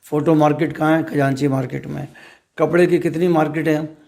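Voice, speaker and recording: A man, a trade representative, giving measured, emphatic interview answers and often posing rhetorical questions. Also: fairly high pitch, flat delivery, creaky, darkish tone. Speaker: trader association leader interviewed as guest.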